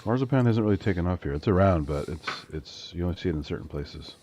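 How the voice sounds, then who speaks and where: Fast-talking, deep-voiced male guest. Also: lively intonation, mellow. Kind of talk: casual online stream chat.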